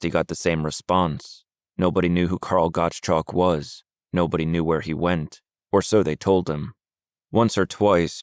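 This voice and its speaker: A man narrating a supernatural mystery audiobook in a calm, even storytelling manner. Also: low voice, smooth, dry recording, clean studio sound. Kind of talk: scripted narration.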